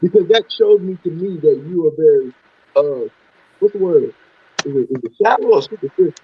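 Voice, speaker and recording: A high, husky male voice reaches the show muffled and dull, as if heard through a wall over a poor phone line. He talks bluntly, swears freely and repeats himself as he pushes his point. The sound is lo-fi and smothered throughout. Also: animated, fairly quick, dry recording. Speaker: caller on a call-in talk show. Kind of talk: frank casual talk.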